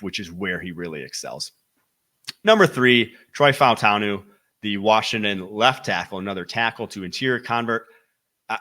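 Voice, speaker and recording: A young man from Wisconsin with a Wisconsin accent, hosting a solo football podcast with energetic, rapid-fire commentary that stresses key words. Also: on the low side. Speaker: football draft analyst podcast host.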